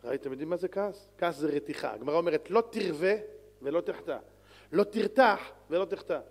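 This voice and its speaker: A man, a rabbi, giving a sermon in an animated, lively way, swinging between loud calls and soft pleading. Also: a little high. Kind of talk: Torah lecture sermon. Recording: long hall reverb.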